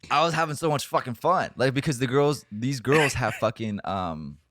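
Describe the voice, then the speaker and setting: A man's voice: mid-range voice, lively intonation, normal speed, a bit bright, dry recording, clean studio sound. A young man co-hosting a podcast, telling a long story in a rambling, profane, laughing way. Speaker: podcast co-host. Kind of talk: casual storytelling chat.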